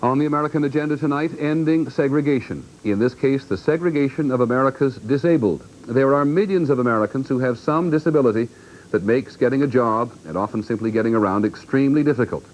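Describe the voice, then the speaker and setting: A man's voice: medium pitch, fast, darkish tone, a little hiss or hum, low-quality recording. A man reading scripted news as an anchor.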